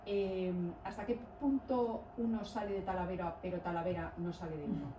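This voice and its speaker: Low-voiced Spanish woman, echoey room. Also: steady tone, normal speed, distant mic, noisy background. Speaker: journalist host. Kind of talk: book presentation talk.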